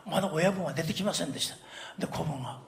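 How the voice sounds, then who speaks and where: An older man preaching a sermon as a pastor, telling stories in an animated way and often laughing. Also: fairly high pitch, quick pace, vocal fry.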